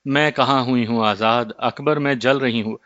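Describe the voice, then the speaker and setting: A man's voice: medium pitch, steady tone, a bit bright, no room sound, muffled recording, lightly acted. Give me a tormented young wife held by a jinn, as a man puts her on, dry close sound. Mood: anguished. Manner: distressed, reproachful.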